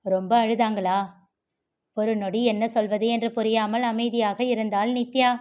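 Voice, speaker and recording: A woman reading a novel aloud as storyteller, narrating at a steady, even pace. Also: a little high, brisk, lo-fi sound.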